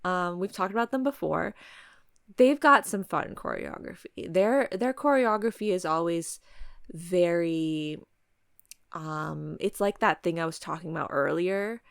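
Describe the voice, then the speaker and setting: A woman hosting a podcast in casual chat, halting as she carefully picks her words and talks around them. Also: lowish voice, vocal fry, smooth, dry recording, studio quality. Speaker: podcast host. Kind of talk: casual podcast chat during a word game.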